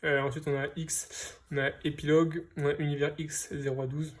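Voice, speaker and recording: In this relaxed unboxing video, a man who collects comics walks viewers through what he bought. His voice leans high, with an even tone and ordinary pace, though he stumbles often, restarting lines and using plenty of fillers.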